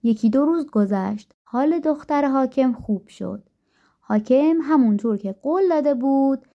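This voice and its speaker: A woman narrating a folk tale in a calm, gentle storytelling manner. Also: fairly high pitch. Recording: dull lo-fi recording.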